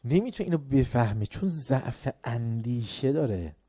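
Male lecturer, story-driven and emphatic, warm mellow tone, dead-dry sound. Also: mid-range voice, lively intonation, breathy edge, no echo. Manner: storytelling, acts out dialogue, grows emphatic. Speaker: religious lecturer. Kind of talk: lecture with anecdotes.

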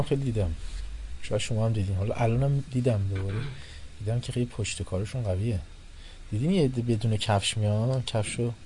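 A man giving a religious philosophy lecture to a class, animated, moving between soft and loud and acting out the people he quotes. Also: on the low side, a little hiss or hum. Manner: animated, shifting loudness, quotes and acts out people.

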